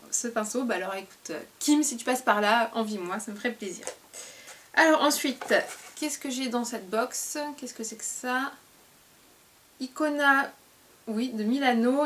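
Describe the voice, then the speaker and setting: A woman vlogger chatting casually through a beauty box unboxing, hesitant and full of fillers. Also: fairly high pitch.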